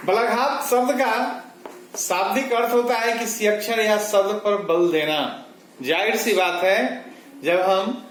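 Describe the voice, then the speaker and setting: Slow, high-voiced man teaching grammar. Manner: slow, deliberate, repeats definitions for students. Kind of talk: explanatory grammar lesson. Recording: echoey room with faint noise.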